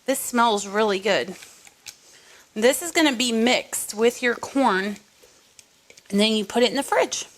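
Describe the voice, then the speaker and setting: A woman's voice: fairly high pitch, measured pace, long pauses. A woman hosting a casual cooking tutorial in her home kitchen, chatting viewers through each step. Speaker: cooking show host.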